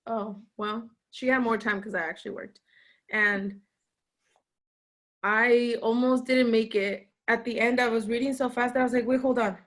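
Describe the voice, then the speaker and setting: A woman chatting casually in an online book club, telling stories with animated laughter. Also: a little high, normal speed. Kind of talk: casual chat.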